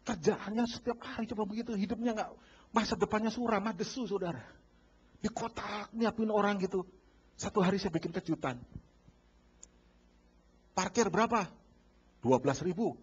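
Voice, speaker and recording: A man pastor preaching a sermon, animated and acting out bargaining scenes while addressing the congregation. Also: high-pitched, fairly quick, slightly rough. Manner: lively, acts out bargaining dialogues, addresses congregation as saudara. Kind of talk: sermon with acted-out market scenes. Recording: dull lo-fi church recording.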